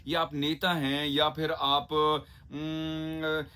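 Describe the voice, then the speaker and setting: A man's voice: on the high side, monotone, pushed and bright, clean tone. A man giving a Hindi diction lesson, stretching out each example word and checking in with his listeners. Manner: drawn-out, carefully enunciated example words; chatty, asks listeners "ठीक है?" and "है ना?". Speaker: diction teacher.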